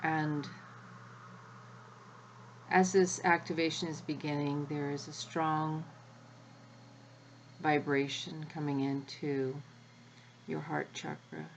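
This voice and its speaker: A woman leading a guided spiritual energy activation as the guide, speaking in a measured way with long pauses between short phrases. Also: sits low, flat delivery, a little hiss or hum, poor audio.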